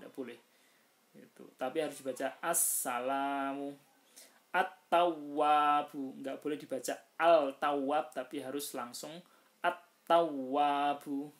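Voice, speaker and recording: A man teaching recitation rules in a casual lesson, chanting example words slowly and louder, with many hesitant fillers as he explains. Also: medium pitch.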